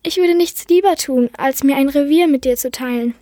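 A woman voicing a young female Siamese cat in a lively, teasing way in a storybook reading. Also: high voice, moderate pace, no room sound, clean studio sound, close to an everyday voice.

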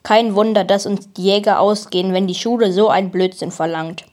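A woman's voice: mid-range voice, steady tone, fairly quick, a little mellow, natural voice. Give me a woman doing a grumpy, stubborn storybook boy. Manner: grumpy, panting. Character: stubborn young boy monster hunter.

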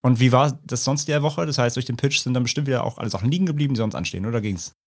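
Fast-talking German man, playful rambler. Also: medium pitch. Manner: rambling, playful, sarcastic storytelling. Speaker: podcast co-host. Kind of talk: casual chat.

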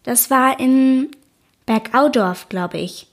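A woman reading an audiobook, voicing a friendly, mischievous young woman who speaks in a warm, encouraging way. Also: high voice, slow, exaggerated voice. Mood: reminiscing.

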